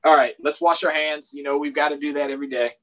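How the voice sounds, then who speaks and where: A middle-aged American man hosts a children's storytime from a small room at home, reading aloud with expression and adding chatty explanations. His voice is fairly high and fairly bright, with little pitch movement and a quick pace. He's heard through a computer or tablet on a video call.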